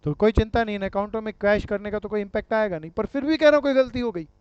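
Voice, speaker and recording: High clear-voiced man teaching accounts. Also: very fast, darkish tone, no echo. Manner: quizzing students, calls them dear friends and brother. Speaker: commerce teacher. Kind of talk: classroom lecture with questions to students. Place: classroom. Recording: dull lo-fi sound.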